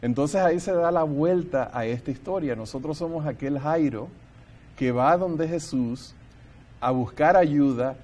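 A man's voice: on the high side, unhurried, darkish tone. A man leading a Bible study discussion, talking earnestly and thinking aloud, and sometimes reading scripture passages aloud.

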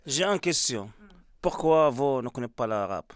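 A man's voice: mid-range voice, expressive, normal speed, smooth. A man speaking simple broken French in a street discussion, blunt and insistent. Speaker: street passer-by. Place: outdoors in a street.

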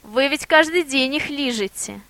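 A woman voicing a sly, bold male boar who talks in a lively, persuasive, theatrical way. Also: high voice, measured pace, no echo, pitched above the performer's own voice. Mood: mocking.

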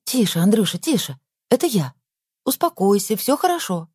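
A male narrator voicing a caring young woman who speaks softly and gently. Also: high voice, expressive, a little fast, husky, dry recording, clean studio sound, voice pushed up. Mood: gentle. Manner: soft, pleading.

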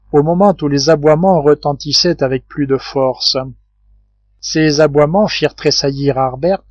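A man reading a classic adventure novel aloud in a measured, steady narration. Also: on the high side, dry recording, dull audio. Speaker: audiobook reader. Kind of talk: scripted narration.

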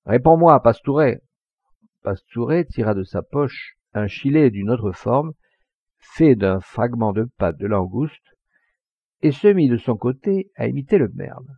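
A man reading a classic novel aloud as audiobook narration, expressive and measured. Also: lowish voice, vocal fry, husky, dry recording. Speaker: audiobook reader. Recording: dull lo-fi recording.

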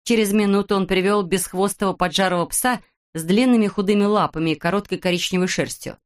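A woman reading a children's storybook aloud as an audiobook narrator, in a steady, even manner. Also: medium pitch, fast.

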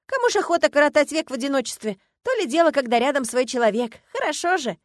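A woman's voice: high-pitched, big pitch swings, a little fast, dry recording, clean studio sound, voice pushed up. A woman voicing a gushing, romantic young female student who chatters and pries. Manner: bubbly, nosy, chattering.

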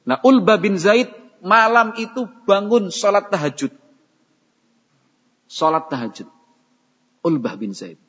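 A fairly high-voiced man preaches an Islamic study sermon. He tells stories, drops into phrases and chants Quranic verses. The recording is dull and carries a long hall reverb. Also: expressive, takes it slowly, pauses often, a bit bright.

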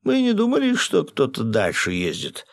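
An audiobook narrator voicing a sly, falsely polite road foreman in a slightly higher voice. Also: wildly swooping pitch, normal speed, no room sound, clean studio sound.

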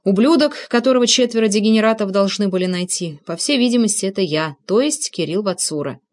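A woman narrating a first-person thriller audiobook in a tense, measured storytelling manner. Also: medium pitch, darkish tone.

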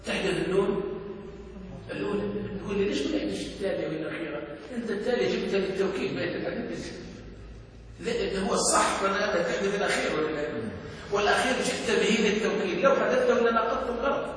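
A man leads a grammar class, his voice sitting high for a man as he fires questions at his students. He sounds set back from the microphone in a long, echoing hall, with a faint hiss underneath. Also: very fast, a bit bright. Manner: questioning, drills students with rhetorical checks. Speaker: sheikh teaching Arabic grammar. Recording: echoey hall, distant mic, faint noise.

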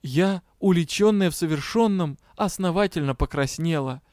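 A man reading a first-person fantasy audiobook with lively, expressive storytelling. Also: fairly high pitch, moderate pace, dry recording, clean studio sound. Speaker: audiobook reader.

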